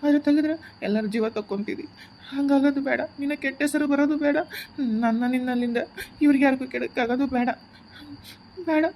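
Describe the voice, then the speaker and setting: A woman's voice: medium pitch, steady tone, fast talker, darkish tone, slight background noise, natural voice. A woman voicing a grieving young husband in a cartoon who rejects his new wife, with a North Karnataka Kannada accent, bitter and stubborn. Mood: tearful. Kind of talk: cartoon voice acting. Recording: muffled lo-fi home recording.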